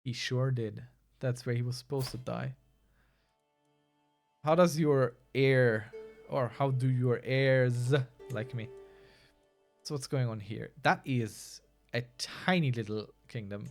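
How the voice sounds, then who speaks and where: A man's voice: mid-range voice, takes it slowly, vocal fry, pauses often, faint music behind. Chatty man streaming a strategy game. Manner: chatty, wry, answers chat as he plays. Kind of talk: casual gameplay commentary.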